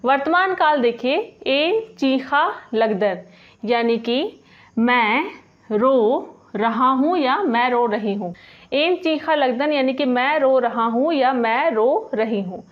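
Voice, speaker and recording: A woman teaching a spoken grammar lesson, patiently repeating each example and slowing down on the example phrases. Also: sits high, expressive, muffled recording. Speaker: language teacher.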